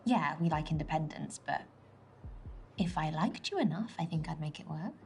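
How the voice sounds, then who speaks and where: A young British woman acting a playful, teasing date in a video game, with quick whispered asides. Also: deep voice, lively intonation, gravelly, a little mellow, a little hiss or hum.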